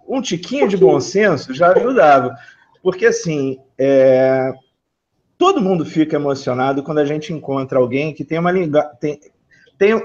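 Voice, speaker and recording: A male interviewer chats casually with his guest, restarting his sentences as he talks. His voice is a little high, and the recording sounds muffled and lo-fi. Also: darkish tone. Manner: chatty, halting restarts.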